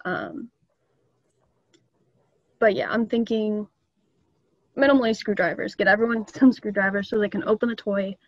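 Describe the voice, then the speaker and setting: A woman's voice: medium pitch, normal speed, long pauses, no room sound, lo-fi sound. A young woman casually explaining things to a club meeting, chatty and loose with ums and small laughs, over a video call. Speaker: student club presenter.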